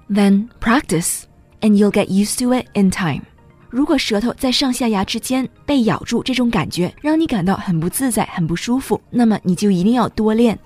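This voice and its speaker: Patient woman teacher narrating a lesson in a mid-pitched voice over faint music. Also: moderate pace, darkish tone. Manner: patient, explains step by step. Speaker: English teacher. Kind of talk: scripted bilingual narration.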